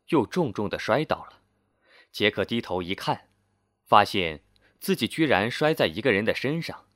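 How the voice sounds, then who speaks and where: A man narrating a scripted story in a steady, measured storytelling manner. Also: on the low side, no echo, studio quality.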